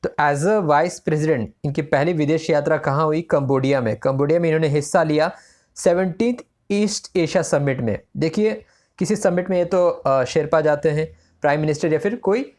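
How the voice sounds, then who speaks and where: An exam-prep tutor runs through current affairs. The tutor poses a quiz question, then answers it. The tutor switches freely between Hindi and mid-sentence, at a pitch of middling height. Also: normal speed, darkish tone.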